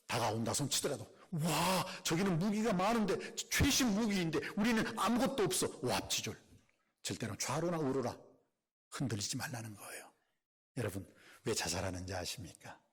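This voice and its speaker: A middle-aged man preaching a sermon as pastor, asking the congregation questions and sometimes dropping to a hushed whisper for emphasis. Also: mid-range voice, husky. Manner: preaching with call-and-response questions and dramatic quoted asides.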